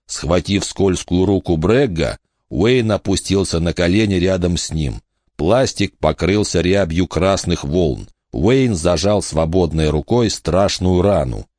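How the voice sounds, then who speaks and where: A man narrating an audiobook in a steady, tense storytelling manner. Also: deep voice, measured pace, no echo, studio quality.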